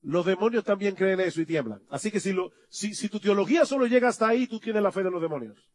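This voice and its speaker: A male pastor preaching a sermon, asking rhetorical questions and swinging from quiet to loud. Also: high-pitched, quick pace.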